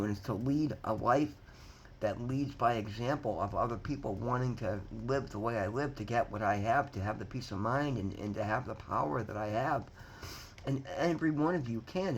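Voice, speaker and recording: A man's voice: medium pitch, slight background noise, poor audio. Earnest man in his fifties, rambling. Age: 50s. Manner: earnest, rambling, repeats words and restarts, often says "guys". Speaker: vlogger sharing recovery story. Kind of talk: casual motivational talk to camera.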